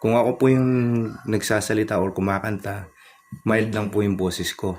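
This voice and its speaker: A man giving a casual product review, calmly explaining features step by step in a polite way. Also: lowish voice, normal speed, faint music behind.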